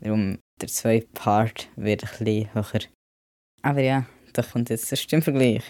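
Flat-voiced Swiss German man vlogging. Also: on the low side, normal speed, no room sound, clean studio sound. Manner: chatty, mixes in English words. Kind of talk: casual vlog monologue.

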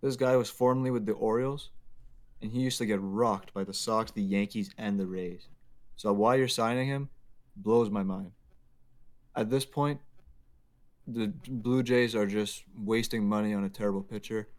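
Opinionated low-voiced man ranting on hockey. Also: steady tone, normal speed. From Quebec, Canada. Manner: opinionated, emphatic, joking rants. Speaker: podcast co-host. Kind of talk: casual sports podcast chat.

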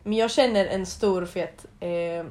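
A woman's voice: lowish voice, darkish tone. A woman co-hosting a podcast in casual chat, announcing segments in a dry, teasing way. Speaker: podcast co-host.

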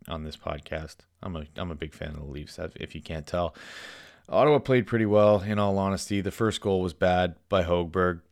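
A man's voice: low-pitched, clear, resonant tone, no room sound, studio quality. A man in his twenties with a Canadian accent hosting a casual solo sports podcast in a chatty, informal, playfully self-deprecating way. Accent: Canadian English. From Ontario, Canada. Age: 20s. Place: basement den at home.

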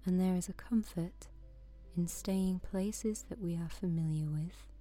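A woman guiding a sleep meditation in a soft, soothing voice that often drops to a whisper. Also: fairly low pitch, measured pace, soft background music. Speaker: meditation guide.

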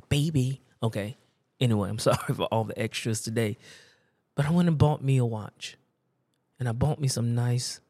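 A man's voice: medium pitch, darkish tone, no echo. A man preaching a sermon, telling a personal story in a conversational, emphatic and repetitive way.

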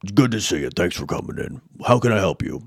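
Guy doing a big buff blacksmith, deep new york voice, friendly shop talk. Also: big pitch swings, fast talker, gravelly, husky, dry recording, studio quality, heavily acted. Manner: plain, helpful shop talk. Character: big burly bearded male human blacksmith, friendly.

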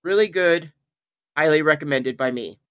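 A podcast host from the Altoona, Pennsylvania area, chatting casually in an animated, rambling way and stumbling over words. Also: mid-range voice, normal speed, smooth, dry recording. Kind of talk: casual review chat.

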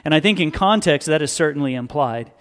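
Man preacher, sermon, smooth resonant voice, fairly high pitch, measured and emphatic. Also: animated, fairly bright tone. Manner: measured, emphatic, slows to stress key words. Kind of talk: sermon reading and explaining scripture. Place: church.

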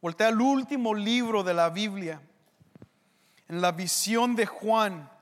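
A male preacher delivers a sermon as an animated storyteller, adding drum-like sounds with his voice. His voice sits unusually high for a man, and he speaks at an unhurried pace. A long hall reverb trails every phrase.

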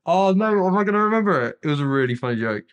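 A man's voice: high voice, sing-song, racing, clean tone, highs cut off. A man co-hosting a podcast, rambling in an easygoing, giggly way. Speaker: podcast co-host. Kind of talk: casual chat.

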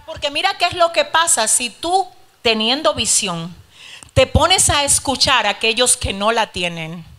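A woman preaches a fervent sermon in church, her high, bright voice pushing into shouted calls to the congregation. Passionate and urgent, she moves between teaching and prayer. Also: expressive, measured pace. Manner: fervent, rising to shouted exhortations. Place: church service.

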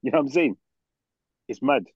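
A man's voice: mid-range voice, expressive, a little fast, a little mellow, breathy edge, no echo, dull audio. A young man with a London roadman accent chatting casually about football as a podcast co-host, repeating phrases in stop-start slang. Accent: London, urban roadman slang.

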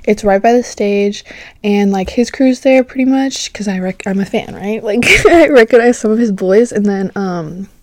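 A woman's voice: medium pitch, normal speed, darkish tone, dry recording, studio quality. A young woman host telling a story in a casual, chatty way, saying "like" constantly, swearing freely and laughing often. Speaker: podcast host.

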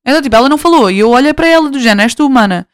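A woman's voice: high-pitched, expressive, racing, no room sound, studio quality. Chatty young Portuguese woman. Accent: European Portuguese. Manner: chatty and self-mocking, acts out others' voices. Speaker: podcast host. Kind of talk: casual monologue.

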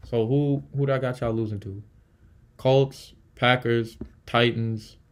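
A man talks through his own podcast alone in a loose, casual way. He thinks out loud, counts off tallies and drops blunt trash talk. His voice sits at an ordinary middle pitch. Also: fairly even intonation, measured pace. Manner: blunt, trash-talking, thinks aloud while tallying records. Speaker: podcast host. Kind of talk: casual solo sports podcast.

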